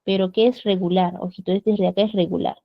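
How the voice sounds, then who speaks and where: A woman's voice: medium pitch, fairly even intonation, fast talker, dry recording, dull audio. A woman teaching an English grammar class online in Peruvian Spanish, patiently checking understanding with frequent tag questions. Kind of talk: online class over video call. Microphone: computer mic on a video call.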